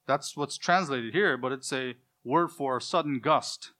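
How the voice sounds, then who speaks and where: Male preacher, mid-pitched, emphatic expository teaching with loud stresses and quiet drops, Hebrew name pronunciations. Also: a little slow. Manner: uses Hebrew pronunciations of names.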